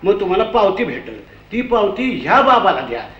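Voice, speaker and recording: A poor laboring woman, blunt and plainspoken, who spells things out slowly, as a male storyteller acts her out. Her voice rides high. The old recording sounds dull and muffled. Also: very animated, fairly bright tone, reverberant. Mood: patient. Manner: scolding then slow, patient explaining. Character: poor working woman in rags, bluntly helpful.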